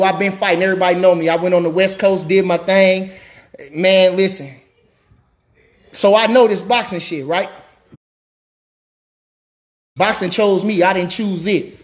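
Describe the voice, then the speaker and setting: A high-pitched man in his late thirties riding a hyped livestream rant. He is a former boxer, and he talks brash and loud, trash-talking and calling people out, sometimes shouting.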